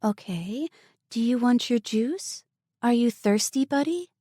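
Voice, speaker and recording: A woman reading an audiobook voices a kind teenage girl who talks in a soft, sweet, coaxing tone. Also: fairly high pitch, lively intonation, measured pace, no echo, studio quality, voice pushed up. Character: kind teenage girl soothing a scared toddler.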